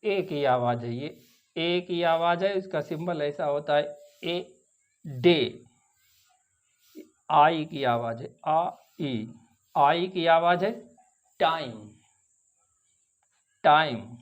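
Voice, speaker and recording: Slow, high-voiced man teaching phonics. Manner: slow, drawn-out, repeats example words. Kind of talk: phonics lesson.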